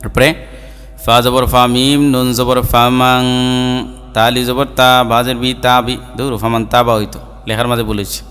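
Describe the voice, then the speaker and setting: A man teaching a Quran tajweed lesson, drawing out each letter in a smooth, resonant chant. His voice rings with a long hall reverb, and faint music plays underneath. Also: medium pitch, little pitch movement, fairly bright tone. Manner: slow drawn-out chanting of letters, then brisk explanation.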